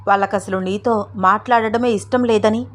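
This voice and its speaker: A woman's voice: mid-range voice, fairly even intonation, normal speed, natural voice. An anxious young woman who keeps urging her companion to go, as a woman narrator puts her on. Her tone is worried and insistent. This is a storybook reading.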